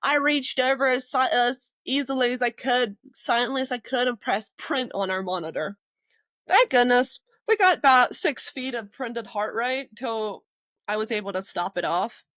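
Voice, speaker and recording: A woman on a podcast tells work stories with a fairly high voice. She keeps things lively, acts out what people said and laughs often. Her voice sounds close and dry. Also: moderate pace, no echo. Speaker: EMT guest. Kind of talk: casual storytelling in a podcast interview.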